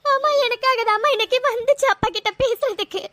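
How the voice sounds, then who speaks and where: A woman's voice: very high voice, steady tone, fairly quick, fairly bright tone, no echo. A woman voicing a heartbroken young woman in a cartoon, pleading tearfully and apologizing. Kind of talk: cartoon voice acting.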